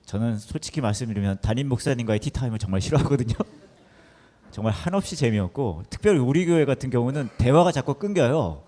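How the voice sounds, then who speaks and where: A male pastor tells a story in a lively voice with wide swings of pitch, breaking off now and then to act out the people in it. His voice rings through a hall with a long reverb tail. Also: fast talker. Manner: animated storytelling with playful act-outs. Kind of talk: storytelling talk.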